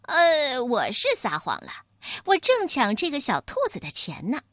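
A sly, fawning gorilla bandit, put on by a woman reading a children's storybook, hemming and hawing and rattling off quick excuses. The voice is dry and close, with a lively, bouncing pitch. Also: no echo. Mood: menacing. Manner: fawning, hesitant, full of fillers.

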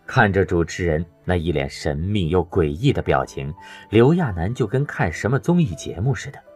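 A man narrating an audiobook in an expressive storytelling way. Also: deep voice, moderate pace, faint music behind.

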